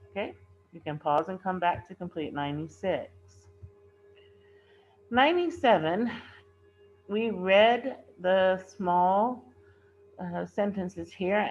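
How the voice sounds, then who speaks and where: A woman's voice: lowish voice, lo-fi sound. A woman teacher giving a recorded workbook lesson to students, patiently repeating and rephrasing key terms, and reading a poem aloud with stress on the line endings.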